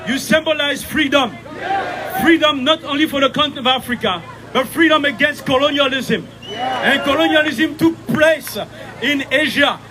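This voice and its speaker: High-voiced Congolese man giving a rally speech. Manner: declamatory, repeats phrases, puts rhetorical questions to the crowd. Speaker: rally speaker. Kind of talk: impassioned political speech at a street demonstration. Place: outdoors in a city, at a demonstration. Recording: outdoor street recording with crowd noise.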